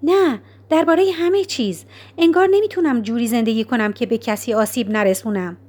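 Brief: woman doing a young woman in despair, high and pleading, emphatic, storybook reading. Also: darkish tone, slightly rough. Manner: emphatic, raised voice. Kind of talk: audiobook character reading.

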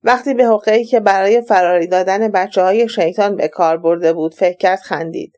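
A woman narrating an audiobook in a steady, even reading voice. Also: medium pitch. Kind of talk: scripted narration.

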